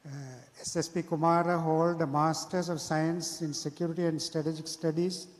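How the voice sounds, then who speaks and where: A man with a Sri Lankan accent gives a formal introduction as a symposium moderator, in halting English phrasing. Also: on the high side, flat delivery. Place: large hall at a symposium. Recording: echoey hall with long reverb.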